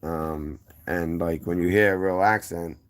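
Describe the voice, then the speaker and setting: Speaking a little slowly in a deep, steady voice, a guest with a heavy Boston accent from the city's inner neighborhoods tells his story casually. It wanders between tangents, loops back, and gets corrected along the way.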